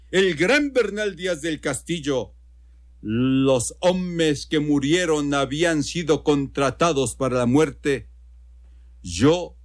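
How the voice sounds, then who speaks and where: A man's voice: on the high side, no echo, studio quality, heavily acted. A man with a Mexican accent voicing a pompous male governor who speaks in florid, solemn oratory for a radio story reading. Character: pompous, grandiloquent male state governor making a speech.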